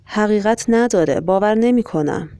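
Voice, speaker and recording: The narrator voices a man on a train home who keeps talking quietly to himself. The voice stays close to the reader's own, flat in tune with a gravelly texture, recorded dry and close. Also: mid-range voice, no echo. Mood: uneasy. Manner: troubled, mutters to himself. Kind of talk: audiobook reading.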